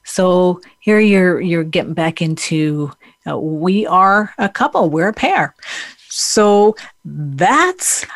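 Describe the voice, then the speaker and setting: Woman therapist, low-ish voice, relaxed teaching talk, dry close mic. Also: slow pace, dry recording.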